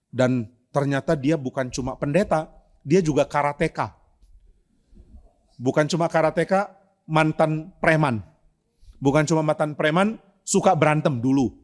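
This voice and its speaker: A male pastor preaching a sermon in a church, telling stories with humorous asides and acting out the voices he quotes. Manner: lively storytelling with humorous asides; acts out quoted voices with sudden pitch jumps. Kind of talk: expository sermon. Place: church sanctuary.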